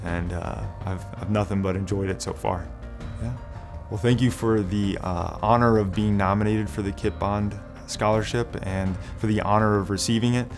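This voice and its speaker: A man's voice: fairly low pitch, fairly even intonation, moderate pace, hardly any pauses. A man speaking earnestly and measuredly about community care in an interview. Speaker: primary care clinician, scholarship recipient. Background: background music.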